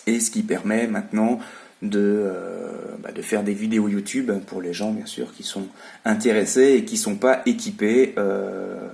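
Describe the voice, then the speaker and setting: A man explaining his radio hobby in a casual, hesitant vlog style, halting as he talks. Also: lowish voice, fairly even intonation, gravelly, darkish tone. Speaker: amateur radio hobbyist presenting.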